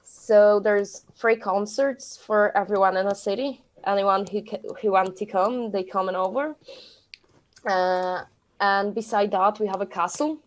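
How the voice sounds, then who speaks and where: Polish woman podcast co-host, mid pitch, halting non-native phrasing, casual. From Poland. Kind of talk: casual chat.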